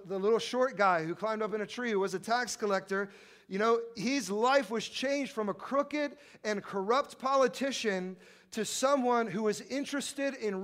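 A man preaching a sermon in a loose, conversational way, full of fillers and chuckles, who builds from quiet stretches to loud, emphatic passages. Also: high-pitched. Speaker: pastor.

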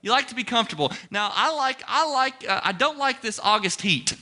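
High-voiced energetic young pastor. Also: male voice, brisk. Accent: Ohio, Midwestern US. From Ohio. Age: young adult. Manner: animated, joking, talks to the crowd. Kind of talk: energetic sermon.

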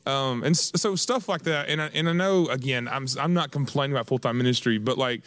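A man's voice: medium pitch, quick pace, fairly bright tone, dry recording. Young guy in ministry rambling along, lots of restarts, dry close sound. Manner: rambling, self-correcting. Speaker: youth minister. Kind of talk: casual chat.

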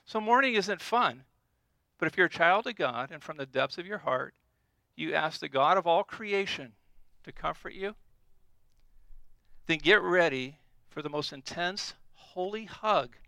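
Earnest preacher man, bright crisp voice. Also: fairly high pitch, animated, unhurried, dry recording, rough recording. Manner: earnest, emphatic, repeats key phrases. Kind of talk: sermon.

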